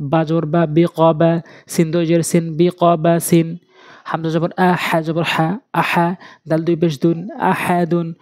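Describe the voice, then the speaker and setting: Man drilling Arabic syllables slowly. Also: fairly high pitch, darkish tone, no room sound. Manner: slow, sing-song syllable drilling. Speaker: Quran reading teacher. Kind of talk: spelling drill lesson.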